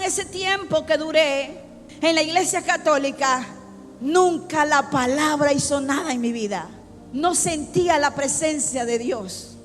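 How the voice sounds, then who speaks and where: A middle-aged woman pastor preaching a fervent sermon, rising into shouts at times. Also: extremely high pitch. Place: church sanctuary. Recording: long church reverb with faint music.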